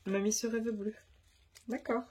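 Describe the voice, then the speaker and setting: A woman's voice: fairly high pitch, level tone, moderate pace, a little mellow, breathy edge. A woman vlogger chatting casually to camera, her voice nasal from a stuffy nose, rambling with many fillers. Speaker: crafts vlogger.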